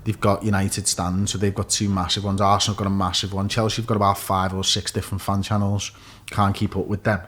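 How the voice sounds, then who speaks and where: A man's voice: deep voice, flat delivery, fast talker, few pauses, fairly bright tone, a little hiss or hum. A man, talking casually and offering opinions as an interview guest. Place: small office studio, indoors. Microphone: desk microphone.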